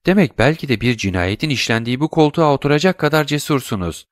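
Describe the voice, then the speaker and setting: A man voicing a sharp-tongued society lady with a lifted, mocking manner. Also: medium pitch, expressive, fast talker, dry recording, studio quality, pitched above the performer's own voice, lightly acted. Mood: teasing.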